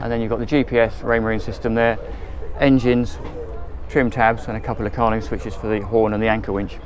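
Though his lowish voice has a flat delivery and runs a little fast, this Englishman is chatty and keen as he ad-libs a walkthrough of a motor boat at a marina. The handheld footage follows him between the decks and cabins.

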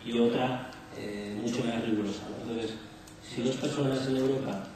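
A man in his forties with a Spain accent and a hoarse voice speaks hesitantly in a panel discussion. He is picked up at a distance in a hall full of echo, with clear background noise. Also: mid-range voice, fairly even intonation. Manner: halting, hesitant delivery. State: hoarse, under the weather. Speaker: industry association panelist. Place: conference stage, large indoor hall. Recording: echoey hall, distant mic, noisy.

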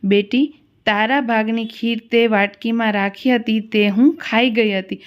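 A woman reading the part of a kind, motherly female serpent goddess in a devotional story, speaking gently. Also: on the high side, fairly even intonation, measured pace, clean tone, lo-fi sound, natural voice. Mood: comforting. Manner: gentle, comforting.

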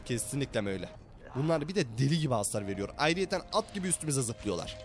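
A young man commentating his gameplay for viewers, animated and chatty, his voice hoarse from being sick. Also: mid-range voice, quick pace, music in the background. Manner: animated, talks to viewers as brothers. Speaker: gaming YouTuber.

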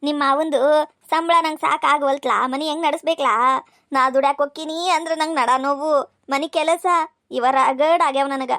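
A woman's voice: high-pitched, steady tone, normal speed, a bit bright, no echo, pitched below the performer's own voice. Casting: cartoon stepmother from North Karnataka, sugary then spiteful, bone-dry voice, a woman doing it. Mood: scheming. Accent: North Karnataka Kannada. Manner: sweet to the children, snarling behind their backs. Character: scheming grown woman stepmother, two-faced. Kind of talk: cartoon voice acting.

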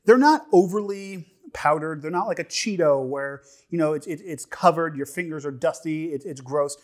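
A young man giving a casual, humorous food review on camera, rambling and halting, repeating phrases and tossing in joking asides. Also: a little high. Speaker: snack reviewer. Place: indoor studio set with dark curtain backdrop. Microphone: lapel mic.

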